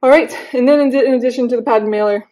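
A woman vlogging in a casual, rambling way, a little hoarse as she is losing her voice, with self-deprecating asides and many fillers. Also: fairly high pitch, quick pace, dark tone. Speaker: beauty vlogger. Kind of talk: casual chat to camera.

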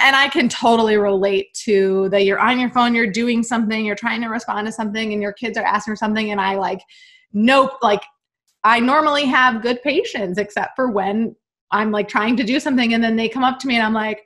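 A woman's voice: a little high, a little fast. A woman hosting an interview, chatting casually and telling stories animatedly, acting out what people said. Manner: animated storyteller, acts out quotes. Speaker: podcast host.

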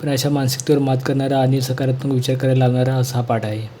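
A man reading a school textbook lesson aloud in a plain, measured way. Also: medium pitch, level tone, warm tone, a little hiss or hum.

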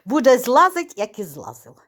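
A woman speaks, into her talk. She chats casually in a home vlog, teasing and cooing at a dog. Her voice leaps up and down in pitch plenty of life. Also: a little fast. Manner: lively, teasing, talks to the dog in baby talk. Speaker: vlogger.

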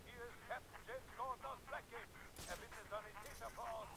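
A police captain reports in over a crackling radio set, in clipped, urgent phrases. His voice sits high for a man and has a gravelly edge. It comes from far off, half buried under loud hiss. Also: fairly even intonation, brisk. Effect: radio transmission. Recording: noisy distant radio call from a video game.

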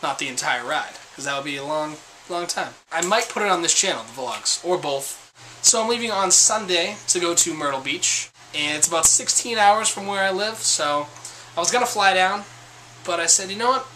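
Young male vlogger, bright, cutting tone, a bit high, rambling and self-mocking, webcam-close in a small room. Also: animated, normal speed, a little hiss or hum, rough recording. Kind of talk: casual chat to camera.

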